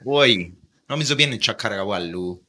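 A man's voice: fairly low pitch, expressive, sharp tone. A man with a Cypriot Greek accent hosting a casual conversational interview, explaining things informally with everyday examples. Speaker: podcast host.

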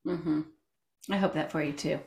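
A woman co-hosting a podcast, talking in an upbeat way and quick to laugh. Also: low-pitched, steady tone, gravelly, darkish tone. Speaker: podcast co-host. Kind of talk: casual heartfelt conversation. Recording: echoey room with faint music.

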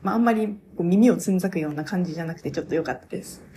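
A young woman talking casually on her own radio show, reviewing a stage play as an excited, gushing fan who laughs often. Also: fairly low pitch, fast talker, slight background noise. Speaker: podcaster.

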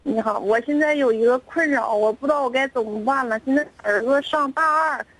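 A woman's voice: high-pitched, fairly quick, a bit bright, slightly rough, low-quality recording. A middle-aged woman with a Northeastern Chinese accent, phoning a radio show to ask for advice in casual talk. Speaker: caller. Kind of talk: casual phone call seeking advice.

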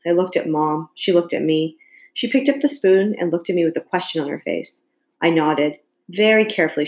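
Low-voiced woman narrating an audiobook. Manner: calm, measured first-person narration. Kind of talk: audiobook reading. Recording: echoey room.

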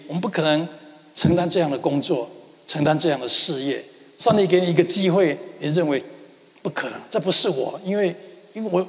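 A man's voice: on the high side, vocal fry, fairly bright tone, long reverb tail. A man preaching as a pastor in a church, telling stories with acted-out dialogue and sound effects. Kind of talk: sermon. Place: church sanctuary.

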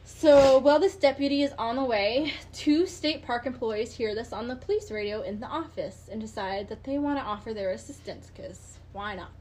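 A woman tells a true-crime case to a room of friends in a loose, chatty way. She drops sarcastic asides along the way, her voice sits a little high, and faint hiss lies under the recording. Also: moderate pace, a little mellow. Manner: laughing, sarcastic asides while recounting a case. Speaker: podcast host. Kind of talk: casual true-crime podcast storytelling.

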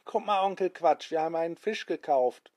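A man's voice: a little high, normal speed, a little mellow, pitched above the performer's own voice, close to an everyday voice. A man doing an eager little kid sailor. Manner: eager, questioning. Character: excited young child sailors, Rummel and Bummel.

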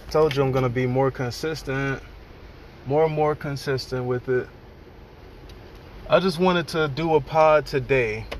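A man in his late twenties talking candidly and at length in a casual personal podcast monologue, recorded in a car. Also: medium pitch. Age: 20s. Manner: candid, rambling, conversational. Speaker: podcast host. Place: in a car during rain. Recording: rain and car noise behind.

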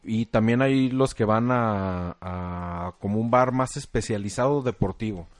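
Mexican male co-host, deep-ish, crude storyteller, dry studio sound. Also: unhurried, no echo. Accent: Mexican Spanish. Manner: profane, joking, storytelling. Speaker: podcast co-host. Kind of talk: casual crude banter.

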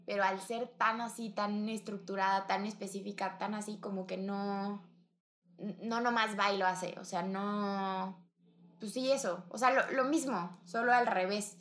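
A woman's voice: mid-range voice, steady tone, a little slow, a bit bright. A young woman with a Mexican accent, talking bluntly and casually about her friend, using lots of slang. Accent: Mexican Spanish. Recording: echoey room with faint background noise.

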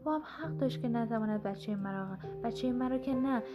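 A woman narrating a first-person short story in a measured, earnest way. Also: a little high, muffled recording. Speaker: audiobook narrator. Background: background instrumental music.

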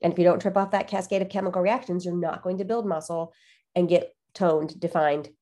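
A woman's voice: lowish voice, fairly even intonation, a little fast, warm tone. A woman hosting a solo podcast, explaining things conversationally and emphatically, with a nasal voice stuffed up by a cold. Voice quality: nasal, congested. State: has a cold. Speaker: podcast host.

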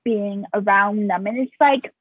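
A woman's voice: medium pitch, a little slow, husky, no room sound. A woman co-hosting a podcast, talking earnestly in a rambling casual chat and cutting herself off mid-thought. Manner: earnest, rambling, self-interrupting. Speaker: podcast co-host. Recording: tinny phone-like sound, dry.

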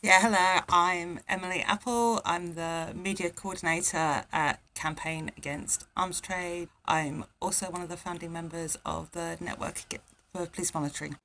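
A woman introduces herself as a guest on a podcast. Her voice is a little low yet bright and crisp. She speaks in a quick, matter-of-fact way. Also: steady tone, slight background noise, rough recording. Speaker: guest, campaign media coordinator. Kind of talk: brief self-introduction.

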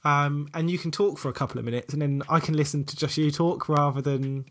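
Higher-pitched man with a southern English accent. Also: fairly even intonation, a little fast. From Portsmouth, south coast of England. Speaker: podcast host. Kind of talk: casual chat.

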